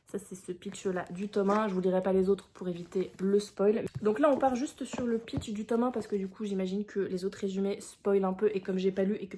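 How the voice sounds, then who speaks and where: A young woman chatting casually in a reading vlog, expressive and full of fillers, with bursts of excitement. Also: medium pitch, a little hiss or hum. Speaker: book vlogger.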